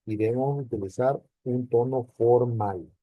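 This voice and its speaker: A man's voice: mid-range voice, unhurried, dry recording, phone-quality sound. A man teaching a university class, explaining step by step and checking in with rhetorical questions. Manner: explanatory, addresses students directly with rhetorical questions. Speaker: university lecturer. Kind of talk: recorded online class lecture.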